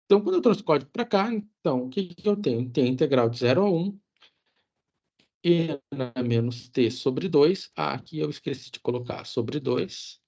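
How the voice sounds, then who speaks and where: A man's voice: fairly high pitch, animated, moderate pace, vocal fry, warm tone. A man teaching an online lecture, walking through code in a casual way, often checking in with the class and correcting himself. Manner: casual, many filler checks, self-correcting. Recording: dull lo-fi audio.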